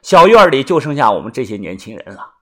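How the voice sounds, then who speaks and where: A man narrating a first-person audiobook story in a colloquial way, filling pauses with drawn-out particles. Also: mid-range voice, very animated, pushed and bright.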